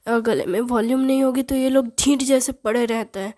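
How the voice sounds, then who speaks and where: A woman voicing a bossy, loud middle-aged mother who scolds and teases her children. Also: a little high, a little fast, natural voice. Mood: scolding. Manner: scolding, teasing, commanding.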